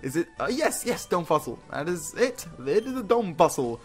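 High-voiced and very animated, with a slightly mellow tone, a man talks at normal speed while hosting a casual game playthrough. He rambles, exclaims and mocks himself throughout, over the game's background music.

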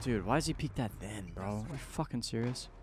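A man's voice: lowish voice, lively intonation, brisk, heavy background noise. A man talking casually on a gaming livestream, frustrated and incredulous, complaining about the game.

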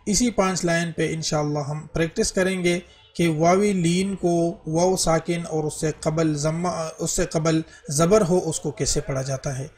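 A man teaching a Quran reading lesson as a voice-over on a screen recording. He explains calmly, then drills letters one by one in a loud, rhythmic chant. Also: a little high.

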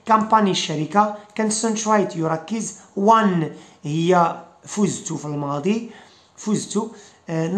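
Man, Moroccan accent, casual English lesson, repeats words slowly, echoey room. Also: a little high, fairly bright tone. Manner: repeats example words slowly, then chats loosely. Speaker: English teacher.

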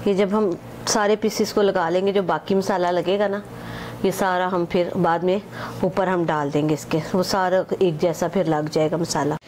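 A woman with a fairly low, steady, darkish voice hosts a home cooking channel, walking through a recipe step by step at a normal pace over a little hiss or hum. She chats casually, keeps saying "acha ji" and "ye dekhen" to point things out to viewers, and mixes English measurements into her Hindi-Urdu.

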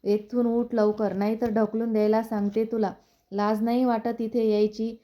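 A woman voicing a proud queen who talks down in a slow, scornful way. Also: fairly high pitch, flat delivery, warm tone, natural voice.

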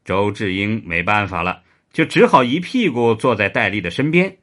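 A man narrating a serialized historical story in an expressive, animated way. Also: lowish voice, normal speed.

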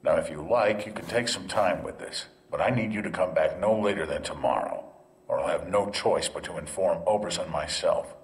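Deep-voiced, clinical male doctor. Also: slight background noise. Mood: firm, regretful. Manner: measured, clinical, formal. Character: stern, regretful male doctor bound by rules. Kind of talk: video game voice acting.

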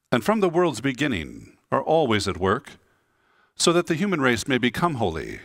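A man leading the prayers of the Mass as a priest, in a solemn, measured, intoning delivery. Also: mid-range voice, fairly bright tone, dry recording, clean studio sound.

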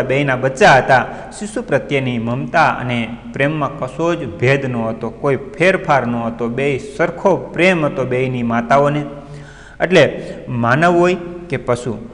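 A man's voice: mid-range voice, fairly bright tone. Man teaching in an echoing room. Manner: retells a story and stops to gloss words. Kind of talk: online class lesson, reading and explaining a story. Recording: long reverb.

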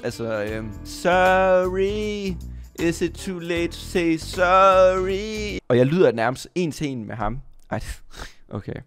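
A young man talks casually and playfully to his audience, wandering off topic and joking at his own expense. His voice sits in the middle of the male range, and soft music plays under it. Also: mid-range voice. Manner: playful, rambling, self-mocking. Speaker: gaming YouTuber. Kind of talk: casual commentary to viewers.

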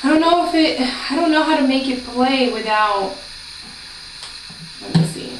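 A Brazilian-born vlogger in her late twenties chats casually to camera in a small room at home beside a door, rambling with lots of ums in a high-pitched voice at a moderate pace. The camera sits across the room, giving a roomy, distant sound with a little hiss or hum.

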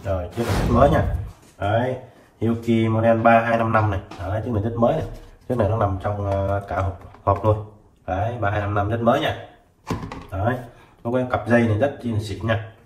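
A man's voice: steady tone, slight background noise. Chatty man selling tools, sped-up echoey recording. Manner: chatty sales patter, addresses viewers as "các bác", fills every pause with "đấy", "đó". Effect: sped up to 1.2x, voice sounds higher. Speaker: seller of used measuring tools. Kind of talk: casual product demonstration. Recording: echoey room.

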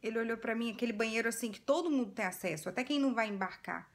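A woman's voice: on the high side, very fast. A woman in her thirties with a Brazilian Portuguese accent, earnestly retelling a personal story to her viewers as a vlogger. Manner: earnest, animated retelling, addresses viewers directly.

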